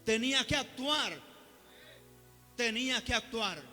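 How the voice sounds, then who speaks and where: Fervent high-voiced male preacher in a hall. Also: expressive, slow. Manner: swings between soft, quiet asides and loud, fervent exhortation. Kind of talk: sermon. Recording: reverberant hall with soft music behind.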